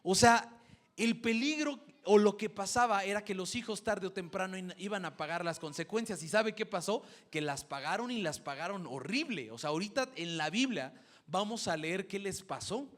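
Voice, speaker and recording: A man's voice: high-pitched, lively intonation, normal speed. A man preaching a sermon, telling a classroom story and acting out the parents he quotes. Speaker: preacher and schoolteacher.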